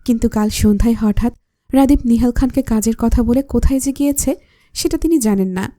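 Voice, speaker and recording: A woman narrating a romantic story in an even, scripted storytelling voice. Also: a little high, a little fast, dry recording.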